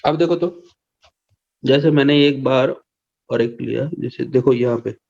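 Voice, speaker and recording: A man teaching an online maths class, slowly quizzing his students with patient questions. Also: medium pitch, vocal fry, darkish tone, dull audio.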